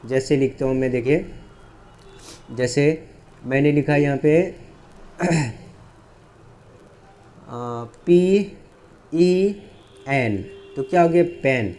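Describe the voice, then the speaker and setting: A man teaching English phonics in a lesson, asking the class questions and answering them himself, spelling letters out slowly. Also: mid-range voice, a little mellow.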